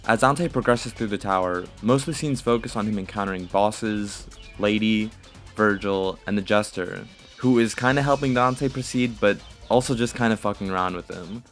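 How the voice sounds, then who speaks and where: Guy doing a gaming video essay, bit deep, swears a lot, casual, soft music under him. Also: moderate pace. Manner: casual, profane. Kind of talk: scripted commentary on a video game.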